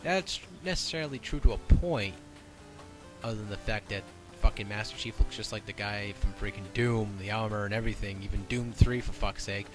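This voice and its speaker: A man's voice: fairly low pitch, brisk, over music, low-quality recording. A man hosting a casual podcast chat, blunt and opinionated, swearing freely as he argues his point. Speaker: podcast host.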